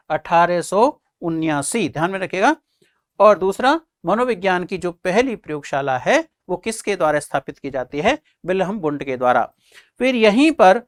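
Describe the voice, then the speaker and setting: A male teacher delivers an exam-prep lecture in a lively voice that swoops up and down. He keeps throwing questions at the class and answering them himself, driving each point home by saying it again. The recording is dry and close, with no room sound. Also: sits high, no echo. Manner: repeats key points for emphasis; addresses listeners as friends and children.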